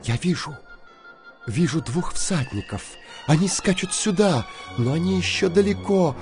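A man voicing a calm young sister who answers in a soft, lilting voice in a storybook tale. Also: a little high, a little slow, faint music behind, pitched above the performer's own voice.

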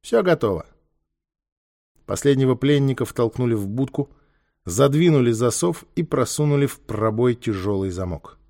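A man narrating a children's story aloud with lively, dramatic reading. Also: medium pitch, moderate pace.

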